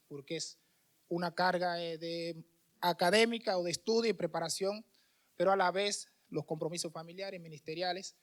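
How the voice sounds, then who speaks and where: High-voiced Dominican man preaching. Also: fairly bright tone. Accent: Dominican Spanish. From Dominican Republic. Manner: conversational, many restarts and fillers. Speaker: missionary preacher. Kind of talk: sermon.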